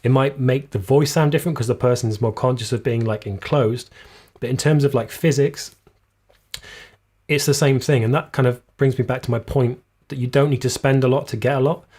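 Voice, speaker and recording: A man hosting a live videography Q&A stream, explaining gear casually, slightly losing his voice, recorded on a boom shotgun mic in a small room. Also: steady tone, fairly quick, darkish tone, breathy edge. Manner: casual, explanatory, reads viewer comments aloud. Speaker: videography channel host. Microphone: shotgun boom mic just out of shot.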